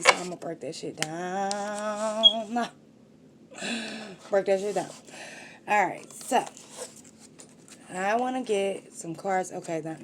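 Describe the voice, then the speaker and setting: A woman's voice: lowish voice, very noisy. Slangy, swearing woman reading tarot. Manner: slangy and profane, talks to the viewer directly. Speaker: tarot reader. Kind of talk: casual spiritual tarot reading.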